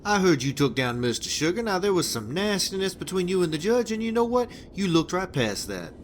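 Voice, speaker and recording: A man voicing a foul-mouthed hitman boss from a wasteland video game, rambling on with stammers and restarts. His voice sits a little high for a man and swings widely up and down. Faint noise runs behind him. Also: very animated, brisk. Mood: rambling crude. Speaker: game character giving a hitman job.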